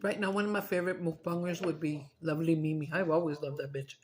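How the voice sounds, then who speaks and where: A woman's voice: low-pitched, steady tone, fast, darkish tone, slight background noise. Chatty woman eating on camera. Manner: loose and chatty, swears, slips into Spanish. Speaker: mukbang streamer. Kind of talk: casual chat while eating.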